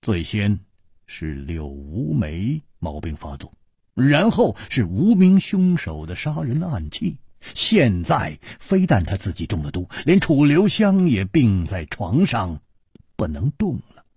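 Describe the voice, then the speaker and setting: A male storyteller narrates in a traditional Chinese style, lively and dramatic. His low voice is very husky and moves up and down a lot. It sounds dry and close to the mic. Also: slow, no echo.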